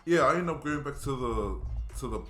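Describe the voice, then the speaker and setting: A man's voice: mid-range voice, lively intonation, moderate pace, a bit bright, faint music behind. A man from New Zealand with a New Zealand accent, telling a story in a rambling, laid-back way with plenty of fillers on a podcast. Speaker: guest musician. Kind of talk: casual storytelling. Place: podcast studio.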